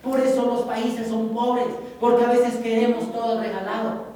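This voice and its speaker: A woman with a Mexican accent delivers a preachy motivational business talk, speaking straight to her audience. Her voice sits a little high. She sounds far from the mic in a large hall with a long echo and faint ambience. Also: flat delivery, normal speed, dark tone. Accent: Mexican Spanish. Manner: preachy, storytelling, addresses the audience directly.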